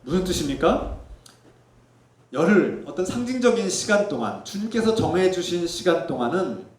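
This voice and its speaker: A man preaching from the pulpit with a fairly high voice, earnest and pleading, pressing each point firmly. His words ring out through a reverberant church hall. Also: very animated, moderate pace, far from the mic. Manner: earnest preaching, rising to emphatic exhortation; softens to a low reflective tone for personal testimony. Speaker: pastor. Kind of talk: sermon. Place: church sanctuary. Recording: echoey church sanctuary.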